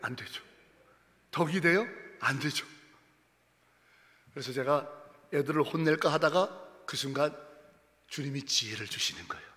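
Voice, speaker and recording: Middle-aged male pastor with a bright, high voice. Fervent sermon delivery in a reverberant church hall. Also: normal speed, pauses often. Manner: fervent, emphatic preaching with repeated exclamations. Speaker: senior pastor. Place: church sanctuary.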